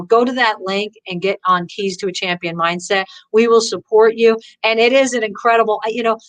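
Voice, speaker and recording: A woman's voice: medium pitch, poor audio. Enthusiastic woman golf coach telling stories. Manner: enthusiastic, acts out quotes with lively voices; frequent restarts, "you know". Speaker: golf teacher and guest. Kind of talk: conversational interview storytelling.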